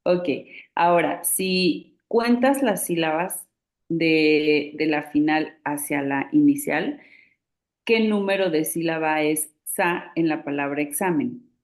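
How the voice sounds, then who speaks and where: A woman with a Mexican Spanish accent leads an online class over a video call, walking through each rule patiently. Her voice sits a little low and she pauses with many fillers. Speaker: writing instructor. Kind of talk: online class teaching spelling rules.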